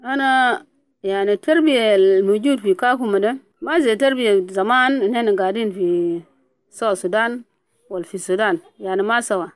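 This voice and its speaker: A middle-aged woman speaks in a South Sudanese Arabic accent, talking fast and freely as she answers questions about her family. Her voice sits at an ordinary pitch and sounds close and dry, with no room around it. She strings her points together with repeated fillers. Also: no echo. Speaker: interviewee, refugee mother. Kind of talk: casual conversational testimony.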